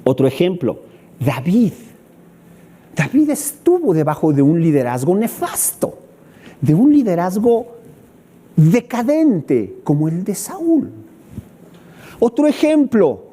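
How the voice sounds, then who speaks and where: A middle-aged man with a Mexican accent preaching a sermon, acting out scenes and asking rhetorical questions. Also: sits high. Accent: Mexican Spanish. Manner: animated, acts out scenes, asks rhetorical questions. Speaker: pastor.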